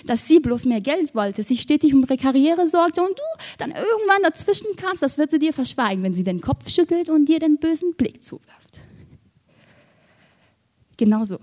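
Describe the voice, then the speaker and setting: A woman performing spoken word poetry with a rhythmic, rhyming delivery that swings between soft and loud. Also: on the high side.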